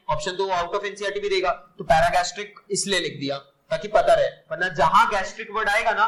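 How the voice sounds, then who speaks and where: A man teaching biology in a classroom, loud and energetic, quizzing and praising his students. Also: sits high. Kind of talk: lively classroom lecture. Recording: noisy classroom recording.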